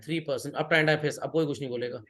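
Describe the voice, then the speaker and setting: High-voiced teasing male teacher. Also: steady tone, fast talker, a bit bright. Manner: teasing, joking with students, mixing Hindi and English. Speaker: accountancy teacher. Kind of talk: classroom lecture.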